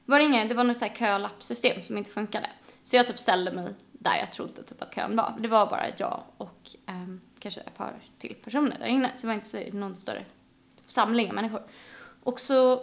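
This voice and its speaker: A woman's voice: medium pitch, creaky. A woman from Sweden in casual conversation, telling stories animatedly and acting out the voices of people she quotes. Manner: animated storyteller, acts out quotes. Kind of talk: casual chat.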